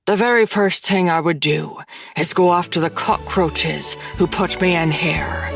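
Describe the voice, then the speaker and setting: A woman voicing a menacing older male Irish killer with a growling, raspy Irish accent. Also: lowish voice, measured pace, over music.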